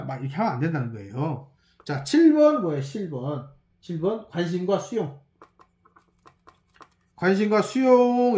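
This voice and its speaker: Professor, lecture delivery, lively pitch, repeats terms, peppers with rhetorical checks. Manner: repeats key words, quizzes listeners with rhetorical questions and a checking "예?"; explains while drawing and writing on screen. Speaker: university professor. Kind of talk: recorded university lecture.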